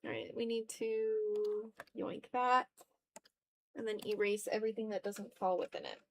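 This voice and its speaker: A digital artist chats casually on her livestream while drawing, her mid-range voice at a measured pace. She's slangy and playful, talking half to herself and half to her viewers.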